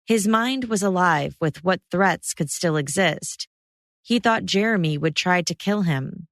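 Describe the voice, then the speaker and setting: Low-voiced woman narrating true crime. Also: dry recording. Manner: measured, steady recap. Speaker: podcast host.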